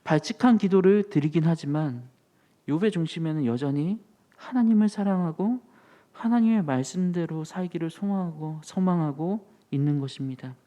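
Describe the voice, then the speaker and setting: Male pastor with a mellow voice, preaching. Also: fairly high pitch, normal speed. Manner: earnest preaching, swelling into emphatic rises. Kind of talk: sermon. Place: church sanctuary.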